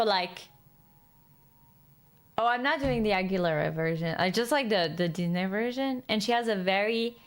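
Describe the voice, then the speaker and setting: A woman chatting casually with her viewers, rambling, lively and laughing often. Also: a little high, clear, resonant tone. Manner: speaks in a lively way. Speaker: streamer.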